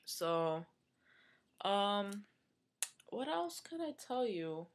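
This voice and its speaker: A woman's voice: medium pitch, very animated, extremely slow, a little hiss or hum. A young woman from the United States in a casual vlog, venting with frustration, swearing and using lots of fillers, with a runny nose. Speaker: vlogger.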